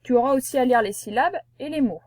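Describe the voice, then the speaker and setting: A woman teacher giving a reading lesson to young children, patient and slow, spelling out sounds one by one. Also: high-pitched, darkish tone. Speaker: primary school teacher.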